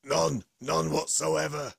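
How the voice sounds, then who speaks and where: The host putting on a low, slow, deadpan voice for a toy contestant. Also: gravelly, slightly rough, no echo, clean studio sound, full character voice.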